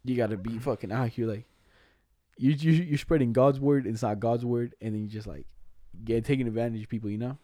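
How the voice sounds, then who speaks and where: A young man in casual co-host banter, telling stories in a slangy, profane, animated way. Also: mid-range voice, brisk, no echo, clean studio sound.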